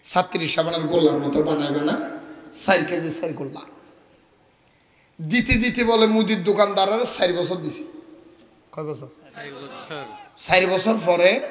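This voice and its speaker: A man's voice: a little high, big-room sound. A man from Bangladesh with a Chittagonian accent, preaching a sermon and telling a story in which he acts out the voices and quizzes his audience. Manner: lively, acts out the voices of his story, teases the crowd with questions. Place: outdoor religious gathering.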